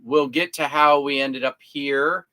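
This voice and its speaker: A man's voice: mid-range voice, steady tone, unhurried, sharp tone. A man co-hosting a casual livestream from inside a camper, reading out viewer comments and joking. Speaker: co-host of an RV livestream.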